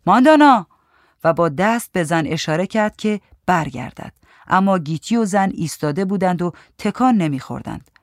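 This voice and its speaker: Brief: female audiobook narrator, lowish voice, measured storytelling, dry booth sound. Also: no room sound.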